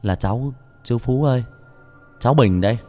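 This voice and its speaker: A man's voice: mid-range voice, moderate pace, warm tone, faint music behind, close to an everyday voice. A man voicing a terrified young village man who stammers and pleads in a raised, shaky voice. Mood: panicked.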